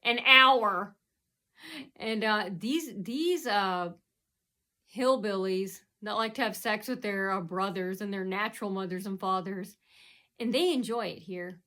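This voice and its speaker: This American woman vlogger has a medium-pitched, sharp voice and talks a little slowly. Her casual monologue rambles and meanders, thick with ums and uhs, and she keeps starting over with "so anyway."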